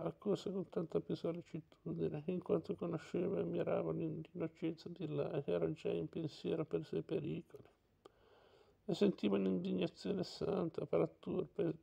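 A man reading a classic novel aloud, pausing for small slips and self-corrections. His voice is gravelly and husky, with a dark, mellow tone that sits a little high. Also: flat delivery, rough recording.

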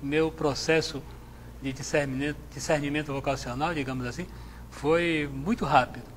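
A middle-aged man, a Jesuit priest from Salvador, answering interview questions in a measured, reflective way on a lapel mic in a TV studio. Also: on the high side, steady tone, a little hiss or hum. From Salvador, Bahia, Brazil. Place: TV studio with chapel set.

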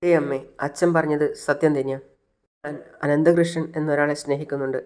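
Guy doing a brave young woman standing up to her dad, earnest, bit high. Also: level tone, brisk, darkish tone, close to an everyday voice. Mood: earnest firm. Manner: firm, earnest. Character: bold young woman defending her love.

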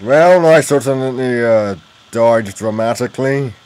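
A man's voice: mid-range voice, unhurried, darkish tone, clean tone. A man giving casual gameplay commentary, rambling and thinking aloud as he plays. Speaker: gamer narrating his own play. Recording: noisy game audio behind voice.

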